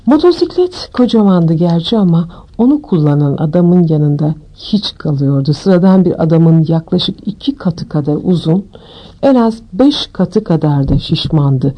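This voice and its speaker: A woman narrating an audiobook with steady, expressive storytelling. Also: sits low, normal speed, lo-fi sound.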